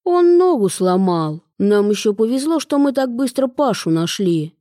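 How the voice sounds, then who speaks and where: Jokey middle-aged uncle, chummy and teasing, read by a woman, mellow tone. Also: a little high, big pitch swings, normal speed, no echo, studio quality. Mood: joking. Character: cheerful joking middle-aged man, 43.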